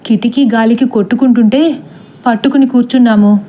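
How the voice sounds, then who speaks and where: A woman's voice: a little high, fairly even intonation, fairly quick, dark tone, natural voice. A woman voicing a timid middle-aged man who frets and talks fearfully in a storybook reading. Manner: stammering, fretful.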